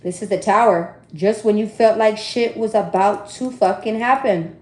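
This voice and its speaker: A woman giving a casual tarot reading to her viewers, chatty and animated, laughing often and swearing freely. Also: medium pitch, normal speed. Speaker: tarot reader. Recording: roomy echo.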